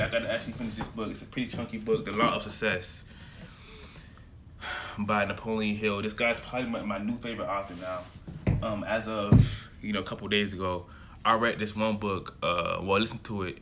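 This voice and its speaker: A self-development vlogger, a young man from America in his early twenties, speaks to camera in a loose, rambling way, full of fillers and restarts. His lowish voice stays steady in tone at a moderate pace, against a noisy background.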